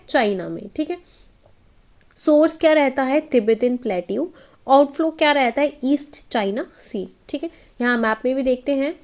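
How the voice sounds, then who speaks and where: High-voiced woman teaching with quick questions. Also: a little mellow. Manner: question-and-answer teaching, frequent check-ins. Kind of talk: exam-prep map lecture.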